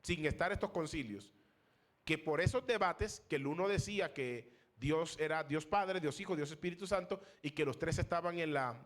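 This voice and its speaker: A man with a fairly high-pitched voice teaches a theology class as a pastor. He lectures in a classroom style, lifting his voice to stress key terms and asking questions of his students. He pauses now and then with fillers while he searches for names.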